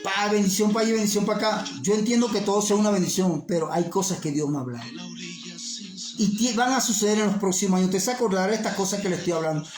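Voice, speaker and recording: A man's voice: high voice, animated, fast. A man preaching an earnest, insistent sermon, repeating his points. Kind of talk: fervent sermon. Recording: roomy echo with faint music.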